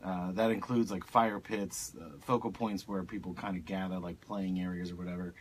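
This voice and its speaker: A fairly low-voiced male host asks questions in a chatty, easygoing way. Faint noise runs underneath his voice. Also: little pitch movement, moderate pace. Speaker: radio show host. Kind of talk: casual radio talk.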